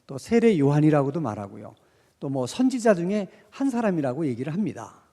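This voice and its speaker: A high, lively male voice preaches a sermon and slips into the voices of the figures he quotes. The tone is mellow and warm, and a long hall reverb trails each phrase, as in a church sanctuary. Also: fairly quick. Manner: animated, acts out quoted speech of disciples and Jesus. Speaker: pastor.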